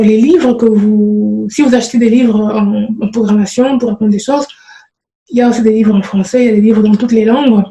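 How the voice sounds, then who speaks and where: A programming vlogger gives casual spoken advice to her viewers, speaking in a relaxed, hesitant way full of fillers and restarted phrases. Her voice is a little high yet dark and mellow, and the room echo is noticeable.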